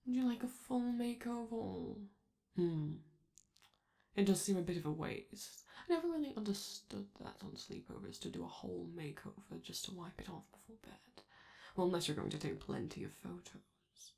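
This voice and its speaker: A woman performs a vain, flamboyant robot star for scripted ASMR in a heavily acted, sing-song voice that sits on the low side, gravelly and darkish. Theatrical and doting, she stretches words and teases with endearments, gently fussing.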